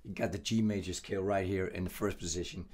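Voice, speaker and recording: A man from the Netherlands with a hoarse, worn voice, giving a loose, chatty guitar lesson full of fillers. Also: low-pitched, steady tone, fast, a little mellow. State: hoarse, losing his voice. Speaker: guitar teacher. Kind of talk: casual video lesson.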